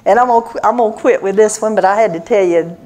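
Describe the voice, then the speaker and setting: An older woman church speaker with a medium-pitched, darkish voice talks fast through a folksy sermon. She tells family stories and laughs often.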